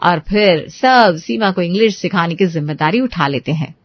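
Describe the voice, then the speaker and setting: A woman narrating a cartoon story in a calm, even, scripted way. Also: fairly low pitch, normal speed, no echo, highs cut off.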